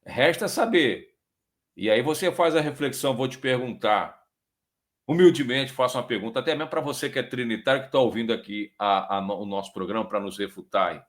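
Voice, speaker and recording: A man with a Brazilian Portuguese accent teaching from the Bible as a program host, talking conversationally and slowing down to read scripture. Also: mid-range voice. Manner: conversational, frequent tag questions, slows down to read scripture.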